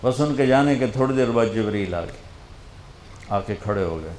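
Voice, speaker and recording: A man preaching a sermon, telling a story with feeling and swinging between loud passages and hushed ones. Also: medium pitch, lively intonation. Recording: roomy with faint background noise.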